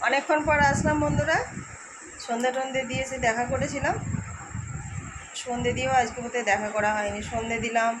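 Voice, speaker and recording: A woman's voice: sits high, fairly even intonation, brisk, pauses often, background noise. A woman from India in casual daily vlog chat, tired from the heat, giving a running commentary on her chores at home. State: hot and tired. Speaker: vlogger. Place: home kitchen and rooms.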